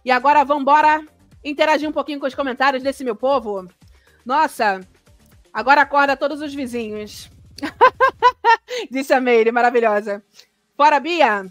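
High-voiced woman hosting a chatty live stream. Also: normal speed, no echo, faint music behind. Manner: chatty and exclamatory, greeting viewers by name. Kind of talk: live reaction commentary, reading viewer comments.

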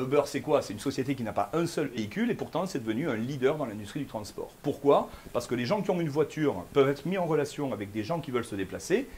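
A man giving a fast, lively conference keynote, talking straight to the audience with frequent questions. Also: medium pitch, a little hiss or hum. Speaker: keynote speaker. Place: conference room before an audience.

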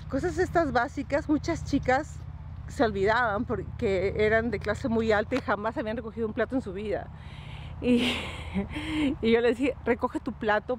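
A woman's voice: on the high side, a little mellow, slight background noise. A woman giving casual advice in a vlog, chatty and earnest, often repeating her pleas and laughing.

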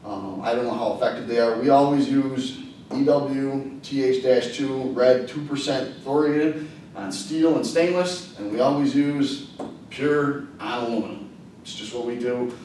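A welding instructor in his thirties lectures at a classroom whiteboard in a mid-range, mellow voice, a little slowly, with plenty of ums and uhs. A far-off camera picks up an echoey room with a bit of hiss or hum.

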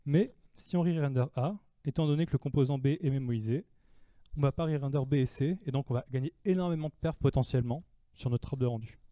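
A man's voice: medium pitch, fast, mellow, no echo. A man giving a technical talk at a developer meetup, explaining code step by step and answering his own questions. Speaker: conference speaker. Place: meetup room before an audience.

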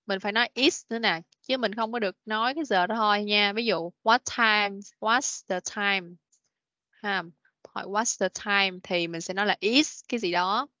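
This woman has a medium-pitched, sharp-toned voice with no echo. In an online English class for children she patiently corrects pronunciation, slowly repeats words, and often says "rồi, ok"; it's a dull, dry, lo-fi video call meeting recording.

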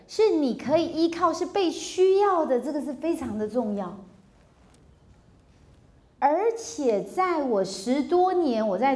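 A woman professor in her fifties with a Taiwanese Mandarin accent gives a public lecture, her voice sitting a little on the high side. She tells personal stories with energy, slips into acted-out dialogue and laughs along the way. Her delivery is animated and conversational. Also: reverberant. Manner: lively, acts out dialogue with laughter.

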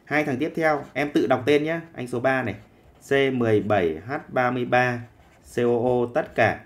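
Male teacher, mid-pitched voice, dictates steadily and keeps checking in with the class. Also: moderate pace. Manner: dictating, often checking in with students. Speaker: chemistry teacher. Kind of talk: live online chemistry lesson.

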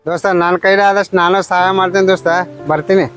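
A man's voice: high voice, steady tone, fast talker, over music, natural voice, poor audio. A man playing a kind driver speaking with feeling about his friend. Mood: moved. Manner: earnest, moved. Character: fellow driver, kind and earnest.

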